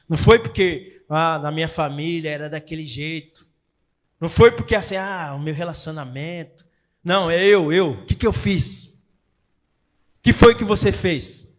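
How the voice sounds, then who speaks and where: A man with a Brazilian Portuguese accent preaching a sermon in church, swinging between loud and soft and acting out quoted voices. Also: on the high side.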